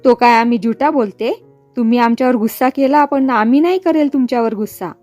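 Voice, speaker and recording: A woman's voice: fairly high pitch, fairly quick, darkish tone, no room sound, faint music behind, close to an everyday voice. Woman doing shameless gujarati-accented merchant guy, wheedly and broken, dry sound. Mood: wheedling. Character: shameless pushy merchant man, middle-aged.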